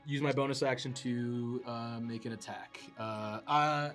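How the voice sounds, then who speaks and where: A man's voice: mid-range voice, fairly even intonation, measured pace, fairly bright tone, faint music behind. A man playing a tabletop game, talking through his turn and eagerly acting out his character's lines. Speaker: player. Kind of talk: casual tabletop play.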